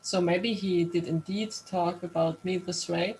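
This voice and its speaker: A woman's voice: fairly low pitch, steady tone, unhurried, darkish tone, slight background noise, rough recording. A woman playing a tabletop game, speaking thoughtfully and searching for her words. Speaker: player. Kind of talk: casual in-character chat.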